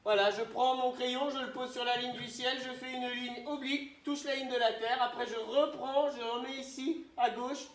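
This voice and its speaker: A man teaching young children, asking questions and spelling words out slowly syllable by syllable. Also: extremely high pitch, fairly even intonation, far from the mic. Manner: questioning, prompting pupils to answer. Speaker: primary school teacher. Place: classroom. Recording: roomy echo, voice from the mic.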